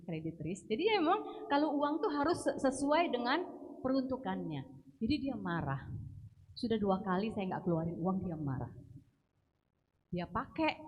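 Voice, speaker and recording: A woman telling a personal faith testimony, earnest and storytelling, moving between soft and lively passages. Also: medium pitch. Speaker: testimony speaker at prayer meeting.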